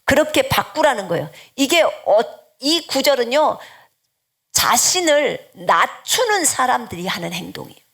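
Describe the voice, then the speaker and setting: A woman missionary delivers a sermon in a fairly high voice. She preaches earnestly and exhorts her listeners, often sinking into hushed, whispered pleading. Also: big pitch swings, moderate pace, gravelly, husky.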